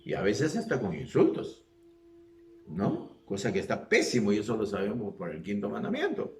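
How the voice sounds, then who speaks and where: A man's voice: on the low side, normal speed, echoey room, a little hiss or hum. A man preaching a sermon with rhetorical questions, acting out the people he talks about. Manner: animated, acts out voices, rhetorical questions.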